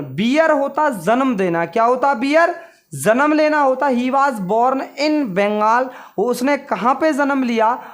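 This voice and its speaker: A man teaching English through Hindi. He explains a story word by word, asking and answering his own questions and repeating the key words. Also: very high-pitched. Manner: drills vocabulary with repeated question-and-answer, asks pupils to take screenshots.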